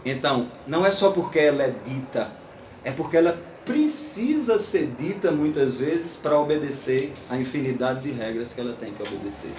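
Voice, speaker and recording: Animated man lecturing. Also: medium pitch, normal speed, reverberant, far from the mic, a little hiss or hum. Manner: animated, playful, recites verse aloud. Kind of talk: informal lecture to an audience.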